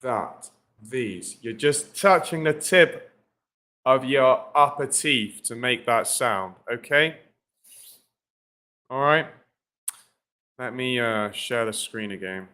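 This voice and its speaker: A man's voice: medium pitch, slow pace, pauses often, bright, forceful tone, clear, resonant tone. A man teaching English pronunciation in a live-streamed lesson, talking informally and often checking in with "right?" and "guys" between fillers.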